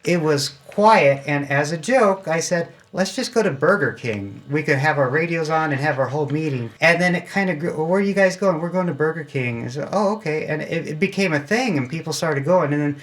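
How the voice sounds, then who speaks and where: A little high and a little fast, the American guest barely pauses as he talks. He is an amateur radio club member in an interview, giving casual, plain-spoken explanations full of stories.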